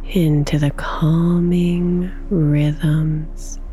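Slow whispering woman, low and soothing. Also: flat delivery, faint music behind. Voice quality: soft whisper. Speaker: sleep meditation guide. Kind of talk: whispered sleep meditation.

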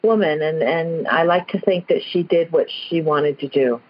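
A woman's voice: low voice, moderate pace, slightly rough. Woman calling into a radio show, dull phone sound, hesitant, keeps searching for words. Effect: phone-line caller voice on radio. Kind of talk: call-in conversation.

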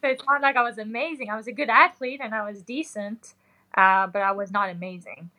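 A young Belgian woman, a professional golfer, answers interview questions in a relaxed, chatty way, dropping in plenty of fillers. Her voice is medium in pitch and her pace is brisk.

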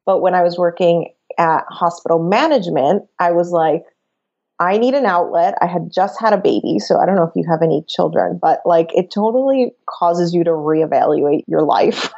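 A woman in her thirties from Venezuela chats as a guest on a business podcast, rambling happily with lots of "like" and frequent laughter. Her voice is on the low side for a woman. The sound is dull and lo-fi, as if from a remote line. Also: darkish tone. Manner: chatty, laughs often, many "like"s. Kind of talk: casual interview chat.

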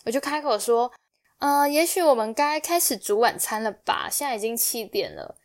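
A woman's voice: on the high side, sing-song, normal speed. A young woman from Taiwan, hosting a podcast and telling a personal story in a casual way, acting out the quoted exchanges as she goes. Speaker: podcast host.

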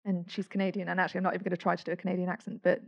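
A woman's voice: lowish voice, flat delivery, very fast, gravelly, darkish tone. A woman, a podcast guest chatting casually and upbeat, laughing often. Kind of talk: casual conversation. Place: indoor room. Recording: dull lo-fi sound.

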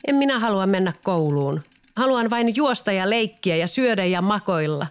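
A man's voice: high voice, lively intonation, clear, resonant tone, pitched above the performer's own voice. Man doing a whiny wooden puppet boy. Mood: cheeky. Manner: whiny, boastful. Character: wooden puppet boy, cheeky, lazy, fibbing.

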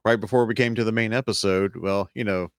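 A man co-hosting a casual podcast, easygoing and quick to laugh, sometimes losing his train of thought. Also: on the low side, steady tone, no room sound, studio quality. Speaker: podcast co-host.

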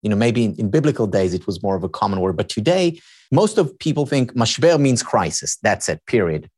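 This low-leaning man's voice is animated and brisk, a touch mellow with a breathy edge. A Hebrew-native happiness researcher and teacher appears as a podcast guest, explaining in an interview like a lecturer and building his points through repetition.

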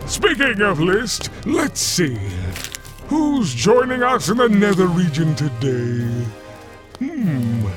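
A man's voice: sits high, big pitch swings, takes it slowly, over music, exaggerated voice. A man playing a chatty, theatrical Satan who hosts hell with gleeful mock courtesy in a comedic audio drama. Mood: campy glee. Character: campy, chatty Satan as bureaucratic host of hell.

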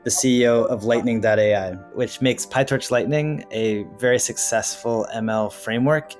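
A man's voice: mid-range voice, steady tone, normal speed, darkish tone, faint music behind. A man hosting a podcast, introducing his guest with enthusiasm and asking interview questions. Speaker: podcast host.

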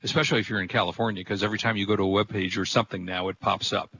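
A man's voice: fairly low pitch, fairly even intonation, racing, bright, forceful tone, breathy edge, no echo. A middle-aged or older man co-hosting a talk show, chatting casually in a plain-spoken, rambling way. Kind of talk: casual chat. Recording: dull, noisy lo-fi audio.

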